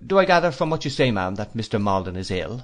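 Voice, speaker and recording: A man reading an audiobook, voicing a grave, measured middle-aged male lawyer. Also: on the low side, very animated.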